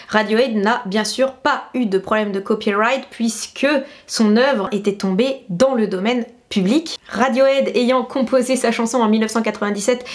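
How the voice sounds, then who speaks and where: A woman who is a classical pianist, hosting a casual explanatory vlog in a chatty, emphatic way with frequent hesitations. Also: fairly high pitch. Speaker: classical pianist and video host.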